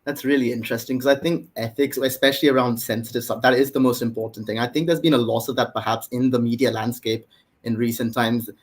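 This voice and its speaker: A man hosting an interview, commenting and asking questions in an earnest, unhurried way. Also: mid-range voice, steady tone, slightly rough. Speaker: podcast host, interviewer.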